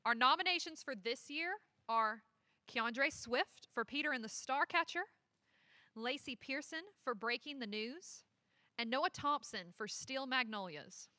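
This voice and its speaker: A woman's voice: high-pitched, lively intonation, unhurried, pushed and bright, dry recording. A woman hosting a live telethon, reading award nominees and a donation phone number, giggling between announcements. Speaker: telethon host.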